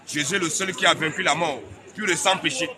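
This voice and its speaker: On a busy city street outdoors, a man preaches in the open air in French, which is his second language, emphatically and repetitively challenging passers-by. His voice is on the high side with fairly even intonation, and he speaks fairly quickly. Street and crowd noise can be heard behind him.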